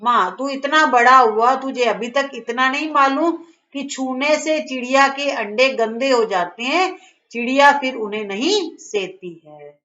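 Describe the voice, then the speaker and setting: A woman reading aloud as a stern storybook mother who scolds her children sharply. The voice is fairly high, and the recording is dull and lo-fi. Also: measured pace, sharp tone. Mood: scolding.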